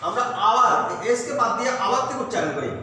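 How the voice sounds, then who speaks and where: A man from Bangladesh teaching an English lesson patiently, repeating words slowly and pausing to check that students understand. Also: extremely high pitch, expressive, bright, forceful tone, a little hiss or hum. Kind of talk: recorded classroom lesson. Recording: echoey room, mic far off.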